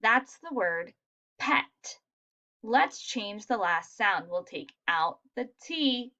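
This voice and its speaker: A woman teaching a phonics lesson to young children, sounding out letters slowly and praising answers. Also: fairly high pitch, lively intonation, pushed and bright, muffled recording. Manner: slow, sounding out letters, encouraging.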